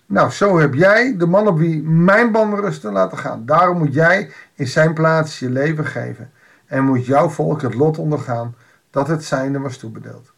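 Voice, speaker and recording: A man with a gravelly, slightly raised voice reads a Bible passage and talks it through in a relaxed devotional. His tone stays conversational, broken by dry, wry asides. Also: fairly high pitch, measured pace. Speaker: preacher reading and explaining Bible passages.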